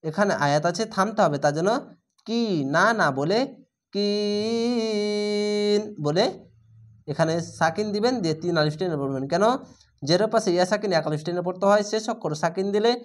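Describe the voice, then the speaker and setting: A man with a Bangladeshi accent teaching Quran reading, who spells each letter and vowel mark aloud, then chants the whole word slowly and drawn out. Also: high voice. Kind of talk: spelling-out recitation lesson.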